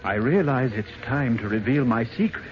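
A man's voice: mid-range voice, animated, moderate pace, lightly acted. A man as a theatrical, lilting, polite choir leader. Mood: solemn, pleading. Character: mild, scholarly male choir leader, theatrically earnest. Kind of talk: old radio drama acting. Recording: muffled noisy old radio recording.

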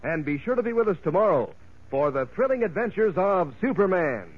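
A man with an American accent doing a folksy, eager 1940s radio announcer's sales pitch to children. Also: very animated, fairly quick, husky. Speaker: commercial announcer. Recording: tinny, phone-like vintage radio recording.

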